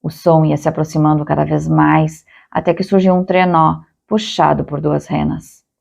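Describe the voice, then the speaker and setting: A woman narrating a children's audiobook in a calm, measured storytelling manner. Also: deep voice, gravelly. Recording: dull lo-fi recording.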